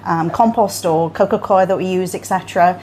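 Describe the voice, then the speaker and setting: A woman's voice: fairly low pitch, a little fast, noisy background. A middle-aged woman giving informal, explanatory answers as an interview guest indoors. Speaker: interview guest, small business owner. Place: indoors in a converted bunker.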